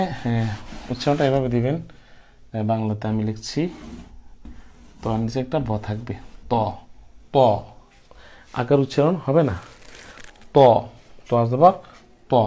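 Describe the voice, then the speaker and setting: A man's voice: medium pitch, mellow. Patient man drilling letter sounds. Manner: patient, repeats each syllable drill-style. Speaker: Quran reading teacher. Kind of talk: step-by-step letter pronunciation lesson.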